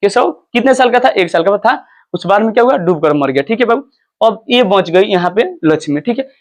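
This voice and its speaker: A man teaching a story lesson in an animated way, checking understanding with repeated questions and acting out the characters' cries. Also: high voice, a little fast. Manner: acts out characters' cries in quoted lines.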